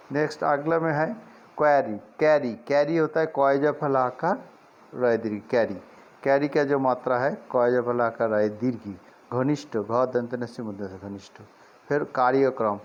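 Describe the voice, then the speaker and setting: A man's voice: mid-range voice, highs cut off. A male teacher who goes down a word list, spelling each word out letter by letter and repeating it. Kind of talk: spelling lesson read from a list.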